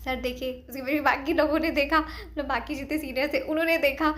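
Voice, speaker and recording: A young woman, a medical student, casually telling a story and acting out what others said in animated quotes. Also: sits high, brisk. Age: young adult. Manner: animated, quotes others in lively acted voices.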